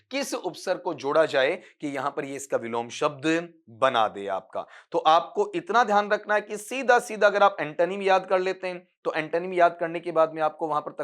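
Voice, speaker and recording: Teacher with slightly high voice. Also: male voice, fairly bright tone. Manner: explains step by step, asks questions and answers them; addresses students as beta. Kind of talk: exam-prep lecture.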